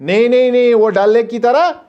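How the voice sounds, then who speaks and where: A man teaching an English lesson. He reads English lines slowly, then explains them in Hindi and asks the class questions he answers himself. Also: very high voice, clear, resonant tone. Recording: dull lo-fi recording.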